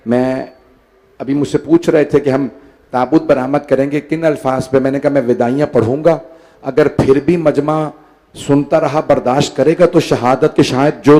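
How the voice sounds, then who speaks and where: A man preaching a mourning sermon in a hall, telling the story with dramatic oratory that swings between loud declaiming and a hushed, lamenting voice. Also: medium pitch. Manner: storytelling, acts out quoted speakers. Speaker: Shia cleric reciting a Muharram majlis. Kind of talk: impassioned majlis sermon. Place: large gathering hall.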